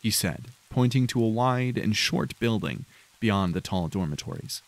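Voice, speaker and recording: A man narrating a dark fantasy audiobook in a measured, grave storytelling manner. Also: on the low side, expressive.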